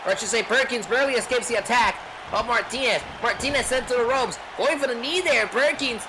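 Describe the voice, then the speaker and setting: A man's voice: very high-pitched, fairly quick. A man doing live pro wrestling play-by-play commentary in short clipped calls and dramatic rhetorical questions. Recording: noisy venue with loud crowd. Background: crowd noise.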